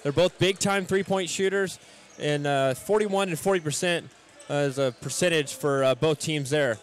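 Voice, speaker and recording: A man's voice: on the high side, moderate pace. A man hosting a college basketball broadcast, welcoming listeners and running through stats with some fillers. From United States. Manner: scripted welcome, stat rundown with fillers. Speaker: play-by-play announcer. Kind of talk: pregame sports broadcast.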